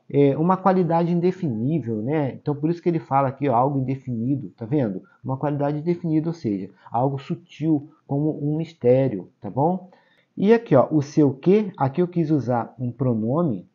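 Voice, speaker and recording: A man's voice: medium pitch, warm tone, breathy edge. A man, teaching a grammar lesson for exam prep, explaining step by step and checking in with tag questions. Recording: dull lo-fi sound.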